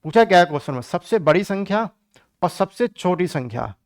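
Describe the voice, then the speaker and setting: A man's voice: high-pitched, big pitch swings, a little fast, no echo, clean studio sound. A man teaching an online exam-prep math lesson in a chatty way, calling his students kids and joking as he works through problems.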